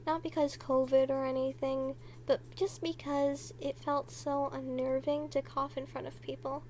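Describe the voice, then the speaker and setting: A woman's voice: high-pitched, little pitch movement, a little slow, a little hiss or hum. A teenage girl vlogger chatting casually and rambling, with plenty of fillers. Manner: rambling, talking freely with frequent fillers; quiet and hushed near the end, trying not to be overheard. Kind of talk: casual chat.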